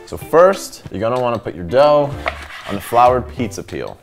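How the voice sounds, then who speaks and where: A man's voice: mid-range voice, animated, moderate pace, soft background music. Overeager young male cooking show host. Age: young adult. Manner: overeager, showy presenter. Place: home kitchen, indoors.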